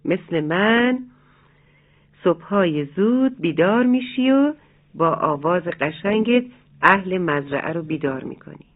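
A kindly father rooster in a bedtime storybook, explaining patiently and calmly, as the storyteller puts him on. The sound is thin and phone-like, squeezed into a narrow band. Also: medium pitch. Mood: gentle, teaching. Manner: gently explaining, kind.

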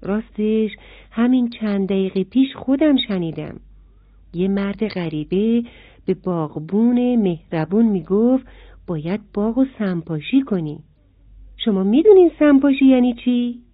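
A woman's voice: medium pitch, animated, no room sound, close to an everyday voice. A woman doing a kind, eager cricket. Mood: urgent. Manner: gentle, coaxing. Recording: dry, phone-like sound.

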